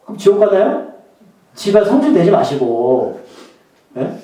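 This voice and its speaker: A man's voice: high voice, huge pitch swings, measured pace, mellow, heavy reverb, distant mic, rough recording. A male pastor delivering a sermon in a conversational way, often throwing questions to the congregation.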